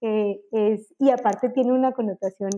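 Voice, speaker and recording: Animated woman explaining types, soft mellow timbre, slightly muffled recording. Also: fairly high pitch, normal speed. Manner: animated, acts out examples with exclamations. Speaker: enneagram guest expert. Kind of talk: explanatory conversation.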